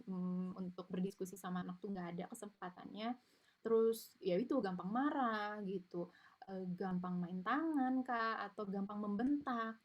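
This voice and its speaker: A woman giving an informal online parenting lecture, chatty and explanatory, with frequent tag fillers, over a video call mic. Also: medium pitch. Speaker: parenting webinar speaker.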